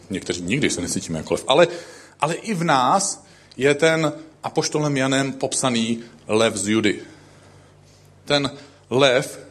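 A middle-aged man giving a sermon, telling jokey self-deprecating stories about himself and swinging between loud emphatic lines and quiet low asides. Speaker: preacher. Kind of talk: sermon with humorous personal stories.

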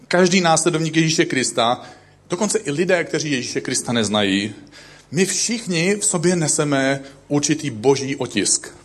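Man, middle-aged, preacher, sermon, self-mocking humor, lively, loud highs and low asides. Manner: self-deprecating, jokey storytelling. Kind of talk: sermon with humorous personal stories.

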